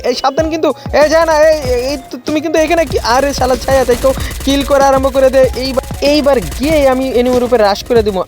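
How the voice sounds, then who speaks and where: A man giving comic, teasing commentary over a shooter match, yelling at his teammates. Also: very high-pitched. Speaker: gamer.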